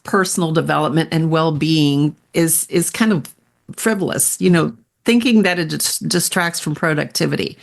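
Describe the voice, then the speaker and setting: A woman's voice: lowish voice, creaky. A woman hosting a podcast interview, asking pointed questions and repeating key phrases. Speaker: podcast host.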